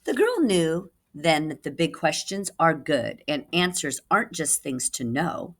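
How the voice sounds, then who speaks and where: Speaking a little slowly, a low-voiced woman reads a storybook to young children in an expressive read-aloud. She sounds like a reading teacher, very animated, with her voice climbing and falling widely and key words given dramatic stress.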